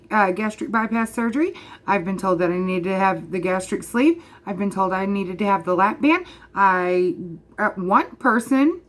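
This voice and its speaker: Vlogger, woman, 30s, passionate and emphatic, addresses viewer directly, voice on the high side. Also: a bit bright. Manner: emphatic, repeats points, talks straight to the viewer. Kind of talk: passionate direct-to-camera rant.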